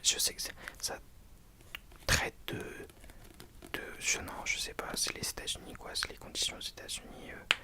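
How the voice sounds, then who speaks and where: This is a book reviewer speaking to viewers entirely in a hushed library whisper. The voice is breathy and soft, with no real voicing, in an ASMR style. The delivery is hesitant, with thoughts corrected along the way. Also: moderate pace.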